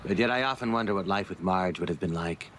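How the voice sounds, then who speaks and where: An actor voicing a smug, awkwardly suave rich ex-suitor in a cartoon. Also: male voice, sits low, fast talker, fairly bright tone, slight background noise. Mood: smarmy. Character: smug rich nerdy ex-suitor, middle-aged man.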